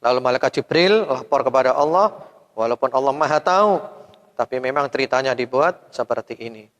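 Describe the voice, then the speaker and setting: A man preaching a sermon to a women's study group, at an ordinary middle pitch. He keeps firing rhetorical questions at the audience, jumping up loud, then dropping to soft, trailing endings. His voice rings with a long hall reverb. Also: animated, brisk. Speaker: Islamic preacher.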